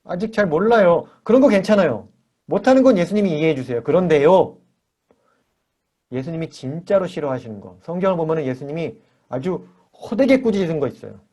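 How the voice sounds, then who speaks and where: Over a video call, a man gives a lively character-training lesson to children and parents at church, acting out short dialogues with the kids. His voice is fairly high and his delivery brisk.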